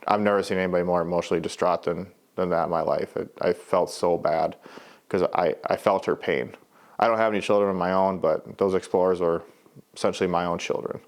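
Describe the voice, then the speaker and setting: A man's voice: deep voice, fairly even intonation, brisk. A man giving documentary interview testimony as a youth program leader, speaking earnestly and plainly with stumbles and repeated words.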